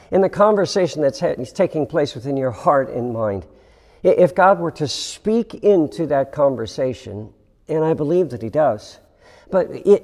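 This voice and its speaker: Slow, gravelly-voiced pastor in a reverberant hall. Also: male voice, fairly high pitch. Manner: slow, reflective preaching with dramatic pauses and hushed emphasis. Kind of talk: sermon. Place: church sanctuary. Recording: long reverb of a church hall.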